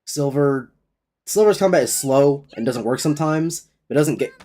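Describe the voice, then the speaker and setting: A man's voice: fairly high pitch, lively intonation, normal speed, dark tone. A young man giving casual, sweary game commentary in a sardonic, griping manner. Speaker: gaming streamer.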